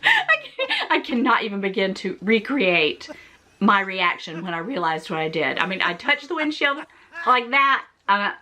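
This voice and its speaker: A middle-aged woman vlogger telling a story to her viewers in a casual, animated way, often laughing and exclaiming as she talks. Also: mid-range voice, normal speed, slight background noise. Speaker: fashion vlogger.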